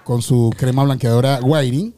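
A man's voice: mid-range voice, steady tone, normal speed, mellow, no echo, soft background music. A man co-hosting a podcast, trading crude jokes with plenty of teasing and laughter. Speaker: podcast co-host. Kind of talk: playful casual banter.

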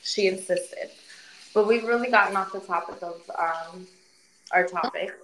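A woman's voice: mid-range voice, normal speed, a bit bright, slight background noise. A woman co-hosting a podcast in casual chat, playfully defending herself in banter with friends. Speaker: podcast co-host. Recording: echoey room.

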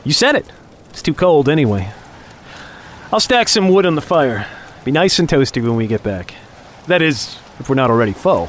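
A man acts in a dramatic audio story as a younger office underling out hunting, keeping up a falsely chummy mock cheer while needling, taunting and menacing his companion. His medium-pitched voice, slightly bright with big pitch swings, moves at a moderate pace over a faint hiss or hum.

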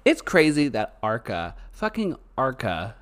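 Very animated, campy man chatting. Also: mid-range voice, measured pace. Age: 30s. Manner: campy, wry, exaggerated emphasis. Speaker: podcast co-host. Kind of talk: casual comedic chat.

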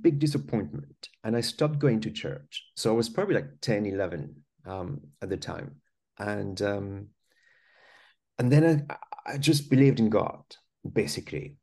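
Speaking in a fairly low, dark voice, this podcast guest from France recounts his life story in a French accent. His manner is earnest and chatty, dotted with small restarts and frequent "you know."

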